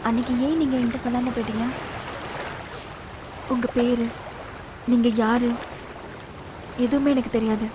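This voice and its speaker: A woman's voice: on the high side, fairly even intonation, normal speed, pauses often, background noise, close to an everyday voice. A woman playing an earnest lovelorn young woman. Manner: earnest, pleading. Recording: film soundtrack with loud music behind.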